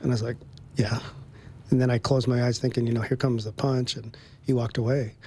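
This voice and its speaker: A man telling a personal story in an interview, relaxed, with frequent ums and little chuckles between phrases. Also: medium pitch, brisk, a little hiss or hum. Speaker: guest.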